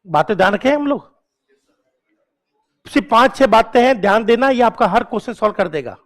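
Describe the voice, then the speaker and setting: A man with a notably high voice gives a classroom lecture. He drills each point, repeats it, and keeps firing questions at his students. His tone coaxes and encourages them to keep at it. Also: lively intonation, brisk. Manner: coaxing and encouraging toward students. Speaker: teacher.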